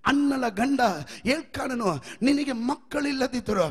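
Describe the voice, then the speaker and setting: A man preaching a sermon as pastor, chanting and shouting his lines with sung rises. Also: very high-pitched, a little slow, big-room sound. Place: church hall.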